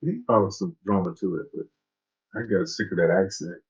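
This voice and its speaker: On a recording with the highs cut off and faint background music, a man with a low, husky voice talks at normal speed. He co-hosts a casual TV drama chat, easygoing and prone to restarting what he's saying.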